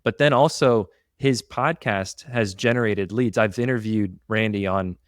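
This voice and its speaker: A man co-hosting a business podcast, explaining marketing examples in a steady, detailed, casual way. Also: on the low side, measured pace, no room sound, clean studio sound. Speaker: podcast co-host.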